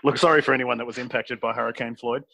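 A man's voice: medium pitch, steady tone, fast, vocal fry, sharp tone. A man with an Australian accent co-hosting a casual podcast from home. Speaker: podcast co-host. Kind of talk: casual chat. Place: at home, online recording. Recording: dry, slightly dull home recording.

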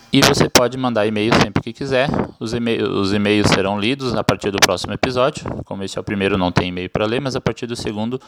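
A man hosting a podcast lesson, explaining English pronunciation in a casual way, restarting and correcting himself often. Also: on the low side. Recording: loud background noise.

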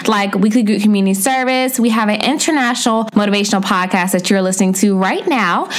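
A woman hosting a podcast, introducing a guest in an upbeat, emphatic way. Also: fairly high pitch. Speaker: podcast host. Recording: noisy background.

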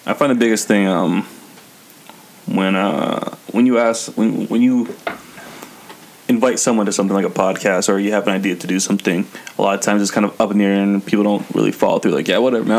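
A male podcast co-host in his thirties with a low voice full of gravelly creak. He speaks in an informal, conversational style. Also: fairly even intonation, brisk, darkish tone. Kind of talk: casual chat.

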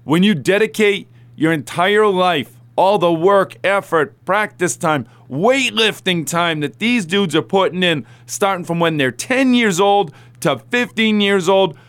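A man with a somewhat higher-than-average voice works as a sports radio talk show host. He speaks conversationally and offers his opinions straight to the listener, as if chatting one to one. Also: animated, unhurried, hardly any pauses, a bit bright, smooth. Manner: conversational, opinionated, addresses listeners and athletes directly.

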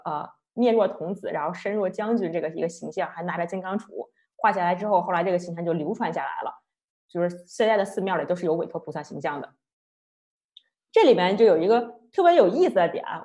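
A woman giving an online lecture, telling a story in a chatty, lively way. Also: medium pitch. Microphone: online talk, computer mic.

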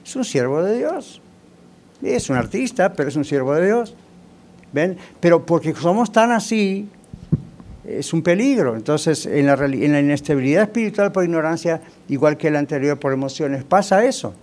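A man's voice: on the high side, lively intonation, normal speed, darkish tone. A male pastor preaching a sermon in a conversational way, often asking the congregation rhetorical questions.

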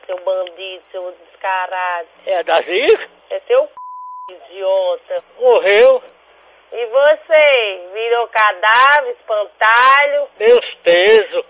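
A man playing a cranky, suspicious old father who answers the phone gruffly and hurls insults. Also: high-pitched, narrow, tinny audio, slight background noise. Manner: gruff, insulting, keeps demanding who is calling. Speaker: prank call character. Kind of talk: comic radio prank call.

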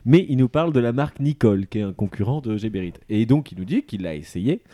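A man's voice: lowish voice, lively intonation, quick pace, warm tone. Hesitant man explaining in a podcast. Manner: hesitant, many restarts, explaining. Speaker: podcast columnist. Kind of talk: casual podcast chat.

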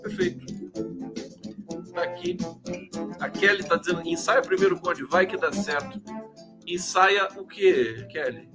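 A man's voice: high voice, a little slow, music in the background. A man hosting a live stream, chatting casually about politics, rambling and tagging his sentences with questions to viewers. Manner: chatty, rambling, constant "né?" tags, reads out viewer comments.

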